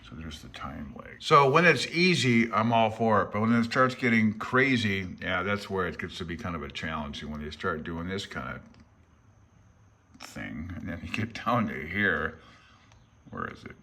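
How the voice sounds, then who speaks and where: This man's low voice is very animated, a little slow, pushed and bright. As an amateur radio hobbyist and vlogger, he rambles casually about a book while paging through the handbook, keeping it plain-spoken and self-deprecating and framing himself as a hobbyist rather than an expert.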